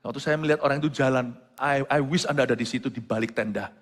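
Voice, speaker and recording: A man pastor preaching a sermon, who moves between quiet storytelling and loud exclamations and drops English phrases into his talk. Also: mid-range voice, fast. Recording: long hall reverb with faint music.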